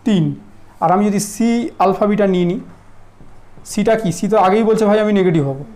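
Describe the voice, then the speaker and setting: A man teaching a math lesson in a relaxed classroom style, often asking whether students follow. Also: high voice, moderate pace. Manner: conversational, checks understanding often.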